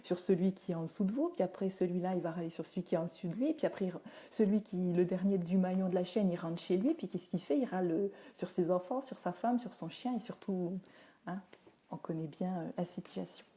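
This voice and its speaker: This livestream comes through a phone or webcam, with a woman answering viewers' comments in a down-to-earth, chatty style packed with fillers. A teacher and parenting speaker, she has a warm, fairly low voice and talks a bit fast.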